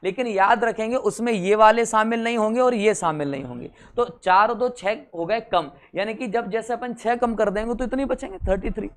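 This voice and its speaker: A man's voice: high voice, brisk, few pauses. A man from India giving a classroom lecture at a board, talking conversationally, checking that students follow and adding wry, teasing asides. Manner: conversational, addresses students directly, checks understanding. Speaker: teacher.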